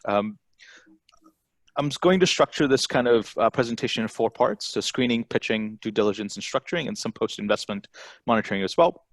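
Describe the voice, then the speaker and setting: Fast-talking man, dry close sound. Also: fairly low pitch, expressive, dry recording. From born in Bangladesh, raised in Texas. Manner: conversational, tag questions and frequent fillers. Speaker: angel network CEO giving a presentation. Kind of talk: informal conference talk. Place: remote, presenting from home over a video call.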